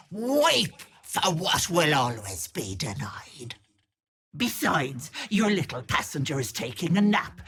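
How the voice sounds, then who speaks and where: Auntie Ethel, a husky wicked hag. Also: female voice, deep voice, fairly bright tone, exaggerated voice. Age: older. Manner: sugary, sly and menacing by turns. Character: wicked old hag posing as a sweet auntie. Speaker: game character. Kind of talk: video game voice acting.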